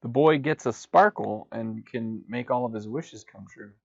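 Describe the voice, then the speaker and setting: A podcast co-host riffs sarcastically on a movie, rambling into jokey asides. His mid-range voice is gravelly and unhurried. The sound is dull, lo-fi and dry.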